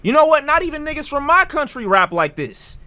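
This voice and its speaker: High-pitched ranting man. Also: big pitch swings, a little fast, sharp tone. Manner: ranting, mocking, heated. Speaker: music commentator. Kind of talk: heated rant commentary.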